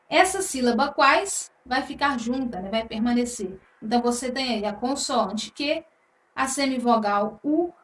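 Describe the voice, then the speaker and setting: A woman teaching an exam-prep grammar lesson, patient and drawn-out, checking in with "tá?" often. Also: fairly high pitch, fairly bright tone. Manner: slow, patient, drawn-out words, frequent "tá?". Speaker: Portuguese teacher. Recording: echoey room, voice from a distance.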